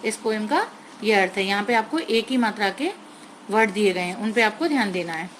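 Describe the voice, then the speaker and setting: A woman teacher slowly explaining a grammar lesson to young children, sounding out words carefully and mixing in English words. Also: medium pitch, lively intonation, a bit bright, a little hiss or hum, low-quality recording.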